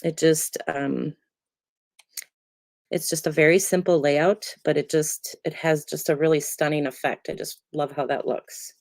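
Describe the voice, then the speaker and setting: Talking while she makes a card, this woman rambles in a relaxed, chatty way and fills pauses with lots of ums. Her low voice sounds a bit stuffy from a lingering cold, her pace is a little slow, and the casual tutorial is recorded close and dry.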